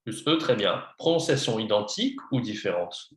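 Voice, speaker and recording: A patient man gives a slow, repetitive one-on-one French lesson for a beginner, spelling words letter by letter and switching to English to explain. His voice sits lowish with big pitch swings, at a moderate pace, and the room sounds spacious.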